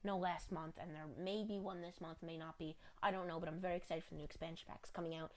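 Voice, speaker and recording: A woman who sounds slightly congested and a little sick narrates a home-building game video, rambling, apologizing, and chatting with lots of fillers. Her voice sits on the low side, steady in tone, and she talks fast.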